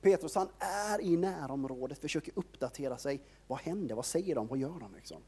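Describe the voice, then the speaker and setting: A man's voice: a little high, animated, dark tone, husky. A man preaching an informal sermon, retelling a Bible story in a conversational storytelling way and leaning heavily on filler words.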